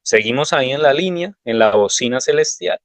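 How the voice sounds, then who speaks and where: Male preacher, mid-pitched, chatty storytelling delivery, dry close mic. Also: animated, a little fast, no echo. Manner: conversational, anecdotal storytelling. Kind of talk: devotional sermon with personal stories.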